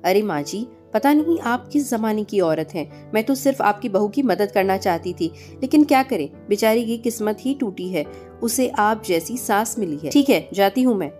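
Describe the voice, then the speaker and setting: A woman's voice: medium pitch, lively intonation, moderate pace, a little mellow, close to an everyday voice. A woman voicing an outspoken young woman who talks back boldly. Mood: cheeky. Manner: bold, cheeky. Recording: faint music behind.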